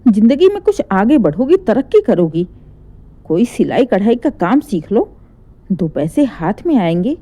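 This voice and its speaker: A woman's voice: mid-range voice, big pitch swings, normal speed, dark tone. A woman voicing a sly young daughter-in-law who plays innocent, speaking sweetly and pleadingly. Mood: mock-innocent.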